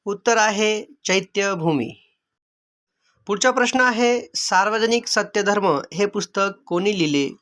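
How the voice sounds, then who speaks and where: Reading out questions, the answer choices, and then the answers, this exam-prep quiz teacher keeps a measured delivery that sticks to a set formula. His voice is strikingly high, bright, and crisp at the edges.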